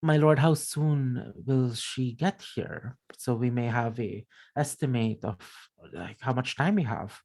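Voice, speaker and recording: A man's voice: mid-range voice, measured pace, a little mellow. A man voicing a deferential, anxious servant in a tabletop game, hesitant and respectful.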